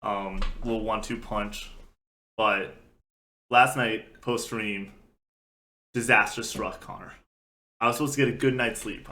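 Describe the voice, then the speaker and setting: Still getting over an illness, this young co-host of a laid-back gaming podcast spins a meandering, lively story. His voice is mid-range.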